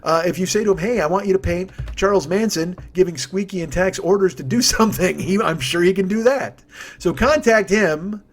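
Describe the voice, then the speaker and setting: Brief: male comedy podcast host with a fairly high voice and a rapid, rambling, profane ad read. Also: slightly rough. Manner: rambling, profane, self-correcting plug.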